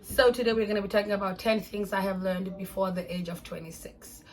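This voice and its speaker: A woman's voice: mid-range voice, steady tone, fairly quick, poor audio. A woman, giving casual, earnest life advice in a vlog and repeating her points for emphasis. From Namibia. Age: 20s. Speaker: vlogger.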